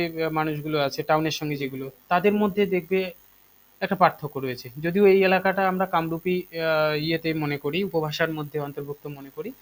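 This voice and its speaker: Guy teaching an online class, fairly high voice, lots of umms and ahs while he explains. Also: low-quality recording. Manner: explains slowly with many fillers, checks on students.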